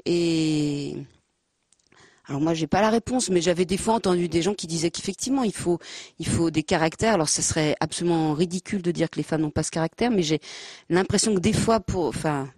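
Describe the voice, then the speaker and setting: A woman on a panel who talks haltingly, hunting for words, then reads a poetic text aloud. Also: fairly low pitch, darkish tone, no echo, clean studio sound. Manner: hesitant, searching for words, self-deprecating. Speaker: panel guest. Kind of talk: halting casual talk, then a poetry reading. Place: panel event with a handheld mic.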